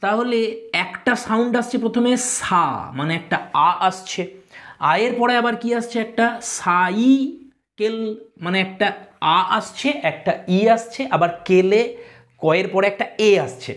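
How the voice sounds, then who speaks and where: Male teacher, patient step-by-step explainer, sounds words out slowly. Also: high-pitched. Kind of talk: explanatory lesson.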